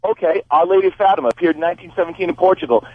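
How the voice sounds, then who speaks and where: A man's voice: sits high, steady tone, rapid-fire. A man calling into a radio talk show over a phone line, arguing insistently and repeating his point again and again. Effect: heard over a call-in phone line on air. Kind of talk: heated call-in argument. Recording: dull, muffled call-in line.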